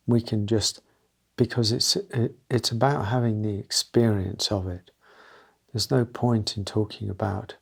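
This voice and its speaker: A man leads a guided meditation, speaking gently and without a script in short, halting phrases separated by pauses. His voice is lowish, creaky and slightly rough.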